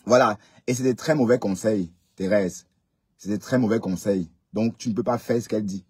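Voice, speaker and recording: A man's voice: on the low side, moderate pace, a little mellow, husky, no echo, clean studio sound. A man hosting a live stream, chatting casually and lecturing his commenters. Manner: chatty, scolding, addresses commenters directly.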